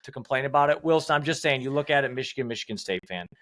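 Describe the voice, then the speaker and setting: A man's voice: mid-range voice, animated, rapid-fire, fairly bright tone. Heated, swearing male podcast co-host. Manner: heated, swearing, repeats himself. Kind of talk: casual sports podcast chat.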